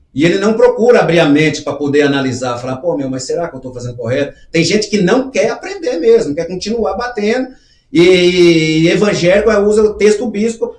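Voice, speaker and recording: A middle-aged man with a high-pitched, slightly mellow voice hosts a live show in an echoey room. He reads comments aloud and discusses them earnestly and conversationally, acting out little dialogues.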